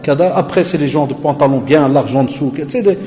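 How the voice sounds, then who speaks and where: Un prédicateur à l'belge, animé et familier, qui joue des dialogues en prêchant. Sa voix est assez aiguë pour un homme. Une longue réverbération de grande salle la prolonge. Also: male voice, a little high, fairly quick, big-room sound. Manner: animated, conversational, dialogue-acting. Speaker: preacher, lecturer. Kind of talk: lively sermon with storytelling.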